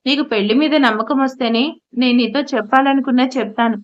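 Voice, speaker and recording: A woman's voice: a little high, fairly even intonation, fast, natural voice. A woman voicing a torn, defensive young man. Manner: pleading, defensive. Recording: slightly muffled audio.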